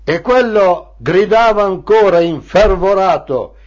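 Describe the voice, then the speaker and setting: An older man from Italy telling his childhood memories in a deliberate, unhurried and wry way, on a dull lo-fi recording. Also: high voice, animated. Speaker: storyteller recalling his childhood. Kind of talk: slow spoken memoir narration.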